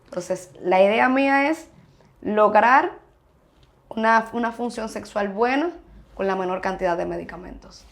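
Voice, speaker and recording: Frank woman specialist guest, emphatic, explains plainly, mid-pitched voice. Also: unhurried. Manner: frank, emphatic, acts out patient dialogue. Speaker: urologist guest. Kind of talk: interview answers, explaining.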